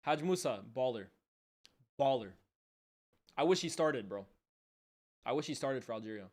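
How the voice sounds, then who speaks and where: A man's voice: medium pitch, animated, normal speed. A young man hosting a football watchalong stream, chatting loosely with his chat, saying "bro" a lot and laughing often between calls of the play. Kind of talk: casual live-stream chat and match commentary.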